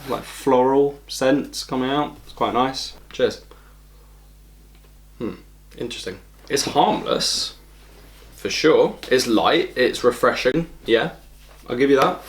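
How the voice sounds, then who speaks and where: A man hosting a casual beer review vlog, speaking bluntly, with a lot of swearing and exasperation, at a table. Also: mid-range voice. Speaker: beer reviewer, channel host. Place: at home, at a table.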